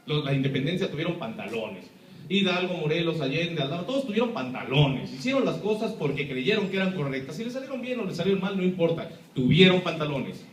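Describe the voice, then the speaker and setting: A man's voice: a little high, a little hiss or hum. A man with a Mexican accent giving an impassioned public talk, emphatic and full of rhetorical questions. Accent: Mexican Spanish. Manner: emphatic, rhetorical questions, acts out quoted voices. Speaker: lecturer. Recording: echoey room, speaker far from mic.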